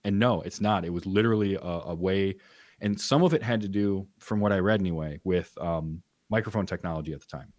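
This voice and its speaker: A man talking as a podcast guest, rambling and animated as he tells stories. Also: low voice, fairly quick, no echo. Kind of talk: casual chat.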